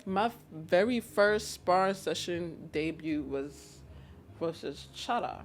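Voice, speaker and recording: Over soft background music, a young woman from New York with a lowish voice speaks at a slow pace as a guest battle rapper recalling her start. The interview chat is casual, and she stays laid-back and slangy, often asking "you feel what I'm saying."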